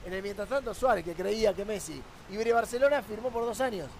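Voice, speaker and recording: A man's voice: sits high, fast talker, gravelly, a little mellow, a little hiss or hum. A man with an Argentine accent, a sports journalist arguing his point on a football talk panel with rhetorical questions.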